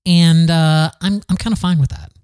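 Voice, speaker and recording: A man's voice: on the high side, fairly even intonation, normal speed, darkish tone, smooth, no echo. Man, southern-born podcast host, casual solo monologue, rambling and candid, dry close sound. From American South. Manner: candid, rambling, frequent restarts and fillers.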